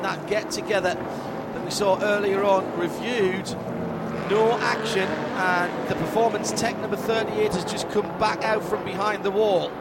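A man giving live motorsport commentary as a race commentator, calling positions and lap times from a trackside position. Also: sits high. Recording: loud trackside engine and car noise. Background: loud race cars and track ambience.

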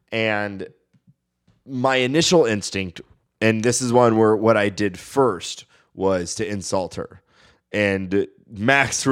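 A man's voice: fairly low pitch, clear, resonant tone. A man talking as a podcast panelist, casual and rambling as he explains himself. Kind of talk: casual chat.

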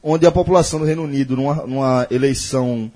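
Husky-voiced male podcast host. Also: medium pitch, fast, dark tone. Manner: explains the topic at length, tagging lines with questions. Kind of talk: casual podcast discussion.

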